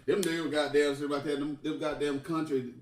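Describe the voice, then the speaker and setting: A man telling a profane, animated story on a podcast and laughing often. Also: a little high, normal speed, far from the mic. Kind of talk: casual storytelling. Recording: echoey room, off-mic.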